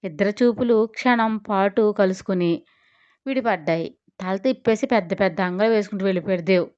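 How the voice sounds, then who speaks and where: A woman's voice: mid-range voice, brisk, a little mellow, dull audio. A woman hosting an audio story channel, narrating a romantic drama and reading every character's lines in her own voice with small changes. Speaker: storyteller host.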